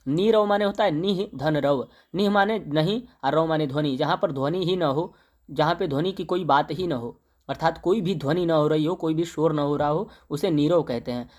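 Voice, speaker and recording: A young male teacher explaining a poem line by line, slowly reciting the verse and then paraphrasing it in plain speech with fillers. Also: on the high side.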